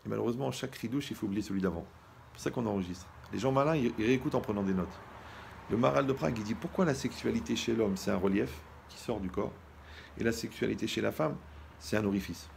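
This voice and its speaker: Gravelly joking rabbi man. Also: lowish voice, quick pace, a little hiss or hum. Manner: lively, joking, talks to the listener directly, acts out scenes. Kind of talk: humorous sermon on marriage.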